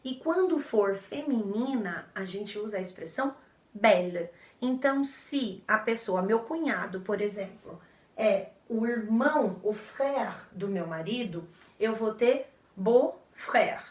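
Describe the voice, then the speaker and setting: A woman's voice: mid-range voice, lively intonation, measured pace. A woman explaining vocabulary to viewers as a teacher, patient and repeating terms with frequent checks for understanding. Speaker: French teacher. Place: indoor room in front of a board. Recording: roomy echo, a bit far from the mic.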